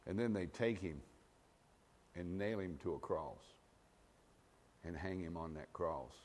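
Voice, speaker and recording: A male pastor delivering a sermon, repeating phrases and swinging between hushed and loud, sometimes joking with the congregation. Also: low voice, unhurried. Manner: jokes with the congregation. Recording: long hall reverb.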